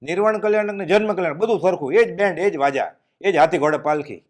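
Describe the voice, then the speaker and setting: A man delivers a devotional discourse in a fairly high voice. He tells stories and sprinkles in English words. At solemn moments his voice drops low and soft. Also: quick pace. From Gujarat, India. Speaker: spiritual speaker giving a discourse.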